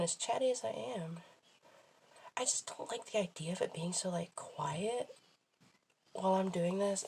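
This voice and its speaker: A woman's voice: mid-range voice, vocal fry, noisy background. A woman talking casually through a makeup tutorial in a rambling, self-deprecating, sweary way. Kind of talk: casual chatty tutorial talk while applying makeup.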